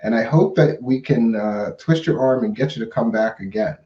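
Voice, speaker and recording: A man's voice: mid-range voice, moderate pace, mellow. A man hosting a live talk show in a casual, chatty, colloquial way. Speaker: live stream host. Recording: roomy, dull lo-fi stream audio.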